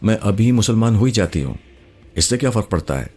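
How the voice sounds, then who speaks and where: A man's voice: fairly low pitch, expressive, a little mellow, slightly rough, pitched above the performer's own voice. A man voicing a pushy, affectionate young woman with an insistent, teasing manner, in an audiobook with faint music behind. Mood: earnest.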